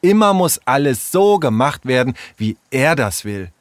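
A man's voice: medium pitch, very animated, no room sound, studio quality, pitched above the performer's own voice. A man voicing a bossy, headstrong young girl in a storybook reading. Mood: scornful. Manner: pushy, quick-tempered.

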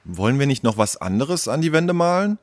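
A man's voice: mid-range voice, very animated, brisk, no echo, voice pushed up, lightly acted. A man voicing a restless, blunt young boy in a children's story. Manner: impatient, questioning.

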